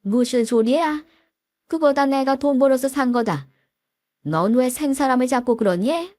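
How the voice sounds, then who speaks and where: A woman's voice: high voice, unhurried, a little mellow, no room sound, clean studio sound, pitched above the performer's own voice. A woman voicing a blustering older father-in-law who stammers through indignant denials.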